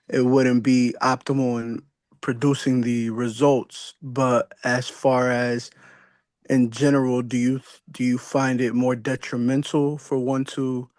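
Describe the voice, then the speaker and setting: A man asks his question on a live stream in a slow, hesitant way, stopping and restarting as he goes. His voice is dry and close, with little room sound, and his pitch stays flat. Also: no room sound. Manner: hesitant, halting with fillers. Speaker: viewer asking a question.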